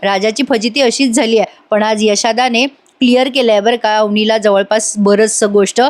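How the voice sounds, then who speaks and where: A woman narrating a soap episode recap in a chatty, conversational voice-over, speaking straight to her viewers. Her voice sits a little high. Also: fairly even intonation, moderate pace. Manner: chatty, addresses viewers directly. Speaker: serial reviewer.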